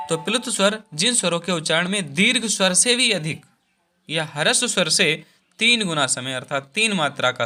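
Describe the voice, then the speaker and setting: A man's voice: high-pitched, bright, forceful tone. A man teaching a Hindi grammar lesson, repeating each point and drawing out the vowel sounds.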